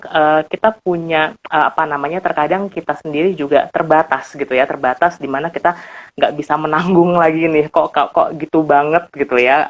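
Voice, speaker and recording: A man's voice: on the high side, lo-fi sound. A man, a guest expert on a live stream, explaining family communication in a chatty way with many fillers and little laughs, over a phone or video call. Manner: chatty, many fillers and small laughs, acts out quoted speech.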